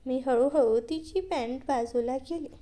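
High, mellow-voiced woman storyteller. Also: a little slow. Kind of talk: scripted story narration.

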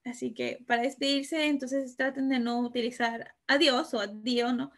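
A woman's voice: high-pitched, fairly even intonation, moderate pace. A woman giving an informal talk, explaining patiently and tagging her sentences with questions to the audience. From Peru. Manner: explains patiently with many fillers and "¿no?" tags. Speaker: lecturer on Italian customs.

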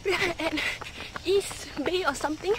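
Young female running vlogger, very high voice, breathless and excitable, loud outdoor noise on a handheld phone. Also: moderate pace. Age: young adult. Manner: short breathless phrases, excitable. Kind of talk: casual running vlog chat. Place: outdoors on a night race route. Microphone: phone at arm's length. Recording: noisy outdoor phone recording on the move. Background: clear outdoor ambient noise.

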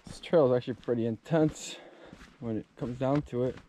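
A young man talks through a hiking vlog as he walks a forest trail, relaxed and explanatory. His voice sits at an ordinary middle pitch. Clear outdoor noise runs under it on the camera mic. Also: normal speed, low-quality recording. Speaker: vlogger. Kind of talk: casual hiking vlog narration.

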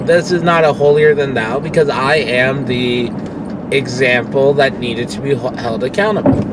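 Behind the wheel, a young man who vlogs and wrestles professionally talks loosely to a phone camera mounted on the dashboard. His medium-pitched voice is candid and rambling, full of swearing, over steady road and engine noise.

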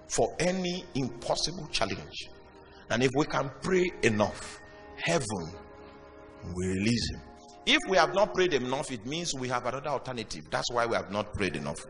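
A man preaching a sermon with dramatic pauses and sudden loud bursts. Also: medium pitch. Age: young adult or older. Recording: reverberant hall with music behind.

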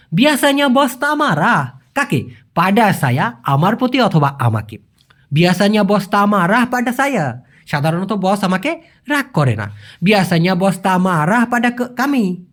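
A man's voice: high voice, a bit bright. A man teaching an informal language lesson, answering viewers' questions in a chatty way, repeating key words and checking that the listener understood.

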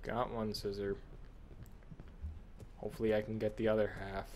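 A man's voice: fairly low pitch, flat delivery, normal speed, a little mellow. A man giving casual, exasperated, sweary commentary while he plays a horror video game. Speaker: gamer commentating on own play.

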